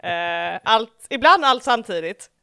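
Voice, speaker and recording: A woman's voice: mid-range voice, lively intonation, creaky, bright, forceful tone, smooth, no room sound, clean studio sound. A woman hosting a podcast, opening the episode casually, laughing often and mixing in English words. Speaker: podcast host.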